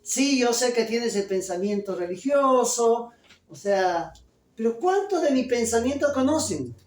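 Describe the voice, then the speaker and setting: A pastor delivering a sermon, loud and emphatic, full of rhetorical questions. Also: male voice, very high voice, sing-song, measured pace. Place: church. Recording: echoey church from a distance.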